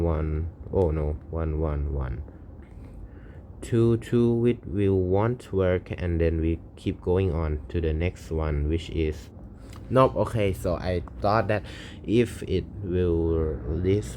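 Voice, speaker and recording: Working on a coding problem, a Thai-speaking channel host talks his thoughts through in hesitant, non-native English, halting and correcting himself. His voice is deep and warm, his pace slow, and there is slight background noise.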